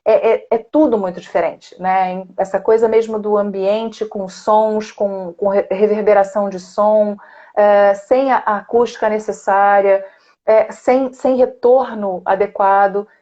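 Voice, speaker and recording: A woman speech therapist talking in a warm, chatty way and laughing often, as a guest on a live video call. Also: medium pitch, little pitch movement, unhurried, lo-fi sound. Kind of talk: casual live chat. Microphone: computer or phone on a video call.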